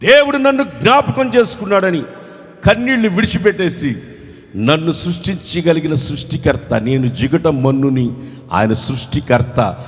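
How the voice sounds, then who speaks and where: A male pastor preaching a dramatic sermon at a large church convention. He swings between shouted peaks and low, quiet lines, and he urges the crowd to clap and cry hallelujah. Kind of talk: Telugu revival sermon. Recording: long hall reverb from a large venue.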